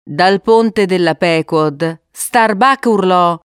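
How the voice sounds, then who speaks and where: A woman narrating an adventure storybook in a measured, expressive reading. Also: on the low side, smooth, no echo, studio quality.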